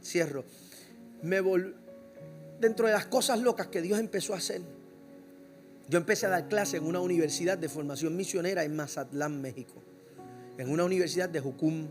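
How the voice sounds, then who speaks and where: A high-pitched male pastor with a Puerto Rican Spanish accent tells a story from the pulpit. He slips into the voices of the people in the story and laughs at himself. Soft music plays behind him. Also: moderate pace, long pauses. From Puerto Rico. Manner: animated, acts out dialogue, laughs at himself. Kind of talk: sermon storytelling.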